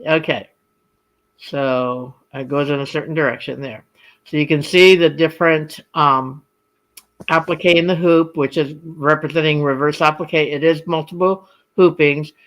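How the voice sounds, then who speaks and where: A man giving a casual product demonstration as an embroidery designer, explaining things in a halting way. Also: on the high side, fairly even intonation, a bit bright, rough recording.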